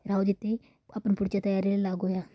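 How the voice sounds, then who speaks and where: A woman's voice: mid-range voice, monotone, fairly quick, warm tone, dry recording, close to an everyday voice. A woman reading the lines of a stern, protective grandmother in a firm, scolding way.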